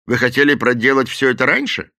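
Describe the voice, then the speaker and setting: A man's voice: mid-range voice, quick pace, sharp tone, pitched above the performer's own voice. A man voicing a stern, wealthy male businessman who speaks firmly and asks pointed questions. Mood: stern probing.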